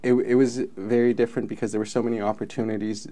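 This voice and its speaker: Speaking fast in a lowish, warm voice with little pitch movement, this interview guest is a film commission president from Mexico. He is in his thirties, speaks Spanish natively, and responds to questions in an earnest, thoughtful manner.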